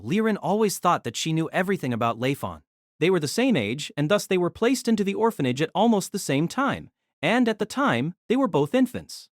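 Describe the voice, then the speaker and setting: This is a man's fantasy-novel narration for an audio drama, delivered steadily and with measure. His voice is fairly high and very melodic, and the close recording is dry, carrying no room sound.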